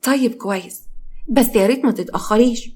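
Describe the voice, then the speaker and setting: A woman's voice: fairly quick, a little mellow, husky. A woman voicing an earnest poor teenage schoolgirl, in an Egyptian accent. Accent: Egyptian Arabic. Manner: earnest, scolding, high-pitched.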